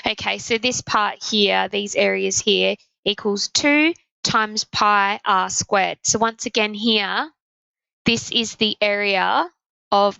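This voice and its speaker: A woman with a croaky, sore throat explaining a maths problem step by step as a teacher. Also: mid-range voice, bright, forceful tone, dry recording, dull audio. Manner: working through sums step by step.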